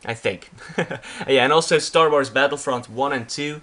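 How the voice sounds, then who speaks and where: A YouTuber from Belgium, young and Dutch-speaking, talks in English with a Flemish accent as he rambles through a slideshow about himself, restarting often and using fillers. His mid-range voice is pushed and bright, at a moderate pace.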